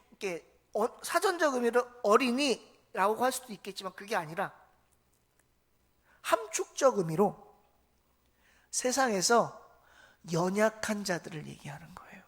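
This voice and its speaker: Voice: mid-range voice, pushed and bright. Pastor giving an emphatic, colloquial Sunday sermon in church. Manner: emphatic, rhetorical questions, colloquial asides. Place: church sanctuary.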